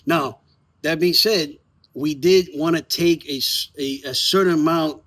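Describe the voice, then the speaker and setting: A man who makes theater talks up his work in an informal, emphatic, slightly profane chat outside in the evening. He has a fairly high, somewhat bright voice and speaks unhurriedly.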